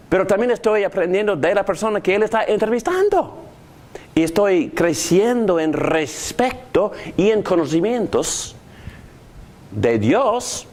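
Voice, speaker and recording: A man's voice: a little high, slight background noise. A man teaching a Bible class on prayer, asking his students questions as he goes. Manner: animated, asks the class questions.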